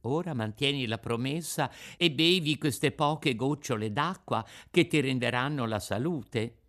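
A man voicing a gentle, patient fairy who coaxes a sick child in a storybook reading, speaking softly. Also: medium pitch, unhurried, close to an everyday voice. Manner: soft, patient coaxing.

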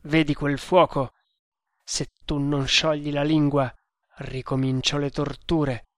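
A reader voicing a desperate, furious man who commands and shouts in a dramatic audiobook. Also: mid-range voice, level tone, slow pace, no room sound, studio quality. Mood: stern. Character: desperate furious adult male hero.

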